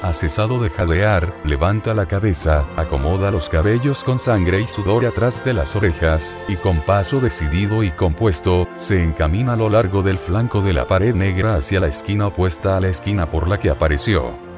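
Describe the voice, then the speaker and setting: A man giving a slow, measured first-person narration of a visionary account, describing each detail deliberately. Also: low-pitched, music in the background.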